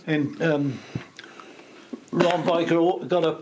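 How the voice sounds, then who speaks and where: An older man being interviewed, recalling old times in a halting, folksy way, often repeating his words. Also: fairly high pitch, fairly even intonation, noisy background. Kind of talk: reminiscing in casual chat.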